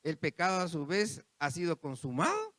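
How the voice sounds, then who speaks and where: A man's voice: fairly high pitch, huge pitch swings, moderate pace, a bit bright, no echo. A man preaching a sermon, repeating phrases and turning to the congregation with asides. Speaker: pastor.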